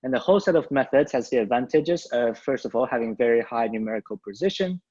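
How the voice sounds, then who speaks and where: A man's voice: medium pitch, lively intonation, fast, darkish tone, slightly rough. A young man, an undergraduate, giving a formal, methodical scientific presentation over a video call. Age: young adult. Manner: formal, methodical, signposting each point. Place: indoor room, on a video call. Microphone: video call microphone. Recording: dull video-call audio.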